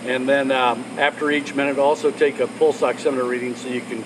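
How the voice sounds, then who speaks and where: A man's voice: medium pitch, flat delivery, fairly quick. A man instructor giving an informal briefing, explaining a procedure step by step. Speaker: altitude chamber instructor. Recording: loud background machinery hum.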